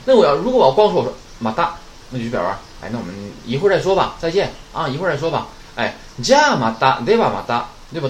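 A man teaching Japanese vocabulary in a chatty way, often asking a question and answering it himself. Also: a little hiss or hum. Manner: chatty, asks rhetorical questions and answers them; lively, swinging pitch. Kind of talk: casual vocabulary lesson.

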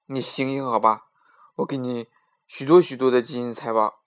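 A cruel old emperor shouts in a high, frantic voice, begging and stammering in fear, as a storyteller puts him on. It is a loud, strained children's storybook voice. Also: male voice, slow pace, clear, resonant tone. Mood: panicked. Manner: shrill and panicky when frightened.

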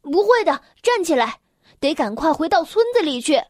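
A woman voicing a brave young boy who shouts urgent warnings. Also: fairly high pitch, moderate pace, no room sound, studio quality, natural voice. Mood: alarmed. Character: brave young boy, frightened but bold.

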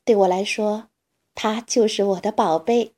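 Mother duck, protective and gentle, calling for her duckling; woman reader. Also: mid-range voice, fairly even intonation, measured pace, lightly acted. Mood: tender. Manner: tender, calling and soothing.

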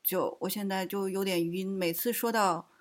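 A woman's voice: medium pitch, steady tone, normal speed. Female co-host from China, easygoing podcast banter, teasing and light. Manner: playful, laughs easily. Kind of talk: casual chat.

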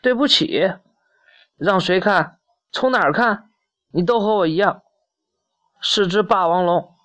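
A woman's voice: mid-range voice, unhurried, pitched above the performer's own voice, natural voice. A woman voicing a young male dinosaur who is tearful and confused, speaking in a raised, pleading storybook voice. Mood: protesting.

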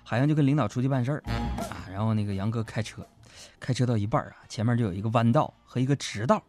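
A man with a Northeastern Mandarin accent, hosting a comic radio show and telling listener stories with lively delivery. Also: medium pitch, fast. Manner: lively storytelling, acts out quotes. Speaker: radio host reading listener jokes. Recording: radio studio with music bed.

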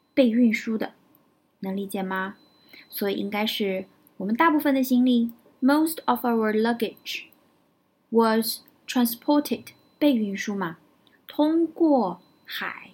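A woman's voice: fairly high pitch, husky. A woman teaching English vocabulary, explaining words step by step, building example sentences and often checking in with "right?". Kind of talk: vocabulary lesson.

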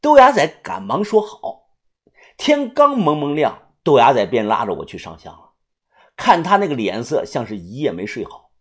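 Husky woman narrating a novel. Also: extremely low pitch, moderate pace. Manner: expressive storytelling. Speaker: audiobook narrator.

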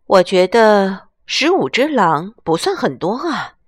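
A woman's voice: mid-range voice, big pitch swings, measured pace, breathy edge, no echo. A brave mother rabbit, voiced by a woman reading a storybook, firm and emphatic with a raised voice. Her delivery swings up and down with a lot of melody. It sounds close and dry.

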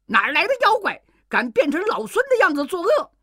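A shrill, boastful monkey king squeals and jeers in a children's storybook, his voice leaping high and swinging wildly up and down, as a woman puts him on. The sound is close and dry. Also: very animated, normal speed, dry recording. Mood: furious. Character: brash, hot-tempered male monkey king.

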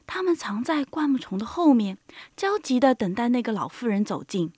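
A woman narrating a children's story in an expressive way, with soft, hushed asides. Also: a little high, moderate pace, breathy edge, no room sound.

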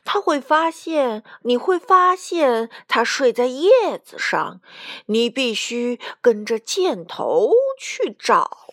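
Woman voicing a booming old ghost storyteller. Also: very animated, a bit bright, no room sound, studio quality, full character voice. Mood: solemn. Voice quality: deep. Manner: slow, commanding, booming. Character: old ghost uncle, grand legendary storyteller.

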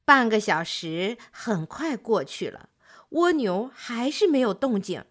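A woman narrating a children's fairy tale in a gentle, expressive storyteller's manner. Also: fairly high pitch, unhurried.

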